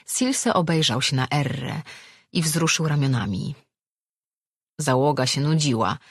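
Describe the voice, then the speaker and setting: A narrator reading a fantasy novel aloud in a steady storytelling manner. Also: mid-range voice, breathy edge, no echo, studio quality. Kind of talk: audiobook narration.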